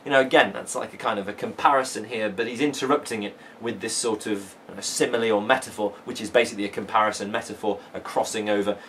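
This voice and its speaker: A man's voice: lowish voice, fairly even intonation, quick pace, few pauses, fairly bright tone, slight background noise. A man teaching a poetry lesson from home, chatty and enthusiastic, with plenty of fillers and restarts. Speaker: English teacher. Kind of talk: casual video lesson. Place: living room at home.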